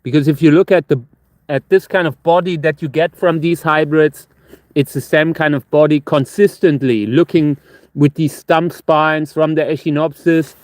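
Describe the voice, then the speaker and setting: A man chatting casually as a livestream host, halting and restarting words, his tongue numb from hot chili so that talking is a struggle. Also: on the high side, steady tone, dry recording. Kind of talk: casual rambling gardening livestream.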